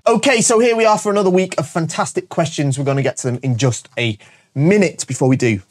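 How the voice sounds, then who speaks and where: A man with a voice on the high side talks fast over soft background music. He's a show host and shop owner delivering a casual promotional monologue to camera, stuffy and bunged up from a cold yet energetic and jokey, often tacking "all right?" onto his points.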